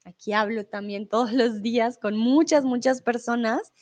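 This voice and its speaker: Her voice is a little high with a darkish tone, at normal speed: a young woman giving a live online Spanish lesson. She patiently and warmly reads viewer comments and explains points, at times in English.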